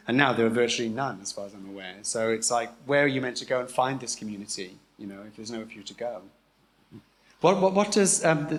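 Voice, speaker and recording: A man chairing a live book panel, speaking conversationally with halting restarts as he works toward his questions. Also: medium pitch, a bit bright. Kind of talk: casual chat at a live panel.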